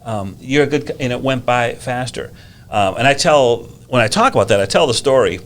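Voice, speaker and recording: A man's voice: medium pitch, lively intonation, fairly quick. A man in his fifties, a teacher and driving instructor, chatting casually on a podcast and telling stories with a gift of gab. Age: 50s.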